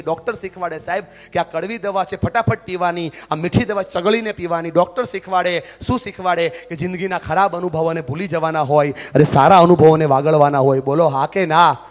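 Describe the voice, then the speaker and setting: A man delivers a live motivational talk. His fairly high voice presses the crowd to answer and repeat his lines aloud. His voice rings with the long reverb of a large hall. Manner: call-and-response, repeatedly asks the crowd yes or no; commanding, has the audience repeat lines aloud. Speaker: motivational speaker.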